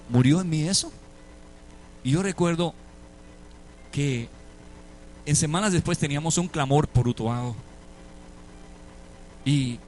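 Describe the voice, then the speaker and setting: A man's voice: a little high, slight background noise. A Puerto Rican man preaching a sermon, telling a story and acting out the dialogue with dramatic shifts between voices. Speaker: pastor. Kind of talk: sermon testimony.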